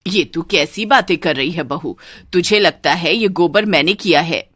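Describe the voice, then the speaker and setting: A woman voicing a stern, scolding middle-aged mother-in-law in a cartoon story, slow and commanding. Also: fairly low pitch, fairly bright tone, husky, no room sound, studio quality.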